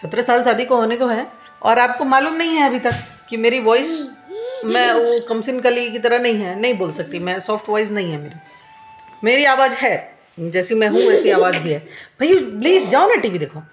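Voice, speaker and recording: A woman's voice: on the high side, moderate pace, reverberant, music in the background. A woman in her thirties venting to camera at home, complaining in an aggrieved, repetitive way. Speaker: vlogger.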